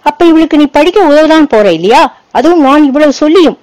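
A sneering teenage bully who snaps and shouts at his classmates, voiced by a woman narrating a storybook. The voice sits fairly high and the sound is dry. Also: expressive, moderate pace, dry recording, poor audio. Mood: angry. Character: angry bullying teenage schoolboy.

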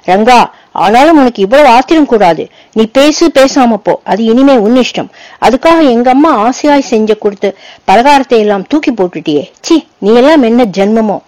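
A shy but earnest teenage schoolboy speaking up to a friend, voiced by a woman narrating a storybook. The voice is fairly high, the sound dry and close. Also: animated, moderate pace, darkish tone, dry recording, lightly acted. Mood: indignant. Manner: earnest, hesitant.

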